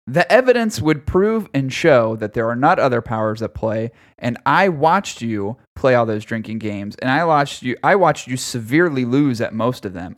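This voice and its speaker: A man in his thirties chatting casually on a podcast, teasing and cross-examining his friend. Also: mid-range voice. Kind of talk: casual chat.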